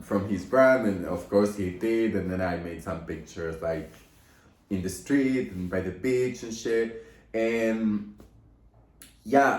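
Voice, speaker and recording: A man's voice: fairly low pitch, darkish tone. A young man casually telling a story time at home, rambling with lots of "like" fillers and emotional gushing. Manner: rambling, heavy use of "like" fillers. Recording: roomy echo.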